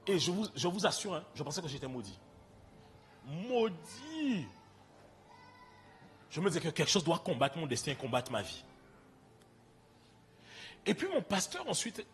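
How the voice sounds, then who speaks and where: A man's voice: sits high, fairly bright tone. A young man with a French Caribbean accent, preaching a sermon and telling his own story directly to the congregation in a conversational way. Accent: French Caribbean (Antillean). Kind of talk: sermon with personal testimony.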